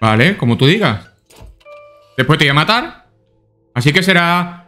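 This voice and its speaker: A high-pitched, bright-toned man talks through a game as a let's-play commentator. He swears freely and mutters his thoughts aloud, and game music plays faintly underneath. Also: sing-song, moderate pace. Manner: swearing often, thinking aloud to himself. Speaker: gaming YouTuber.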